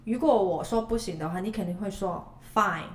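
A woman co-hosting a podcast, chatting casually with a friend, teasing herself and mixing English words into her speech. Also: mid-range voice. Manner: quick, expressive, self-teasing, mixes English words into speech. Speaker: podcast co-host. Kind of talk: casual chat between friends. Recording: music playing under the voice.

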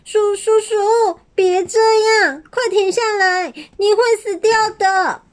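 A woman voicing a small, gentle young dinosaur in a storybook, pleading and stammering. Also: high voice, animated, measured pace, pitched above the performer's own voice.

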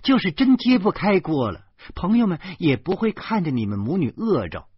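A man voicing a hot-tempered male music teacher who shouts in a shrill voice. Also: big pitch swings, unhurried, slightly rough, no echo, muffled recording, exaggerated voice. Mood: cold scorn.

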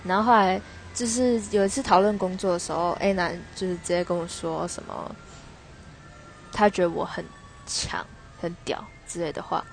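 A woman's voice: fairly low pitch, normal speed, creaky, soft background music. A young woman hosts a podcast, telling a personal story in a rambling, hesitant way that keeps correcting itself. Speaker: podcast host.

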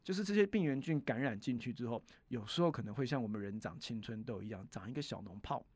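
Man, veterinarian, patient explainer, trailing soft phrase endings, mid pitch, dry recording. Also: animated, fast, husky, no room sound. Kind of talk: explaining to an interviewer.

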